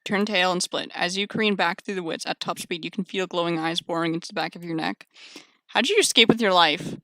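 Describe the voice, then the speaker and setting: A young woman streamer reading a game aloud with excitable commentary and loud outbursts. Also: fairly low pitch, fairly quick, no echo, clean studio sound.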